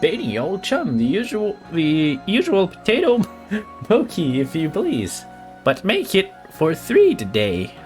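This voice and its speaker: A man's voice: high-pitched, huge pitch swings, slow, music in the background, pitched above the performer's own voice, heavily acted. A man voicing a fussy, cheerful older male professor in a chummy, genteel manner while reading game dialogue aloud. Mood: chipper.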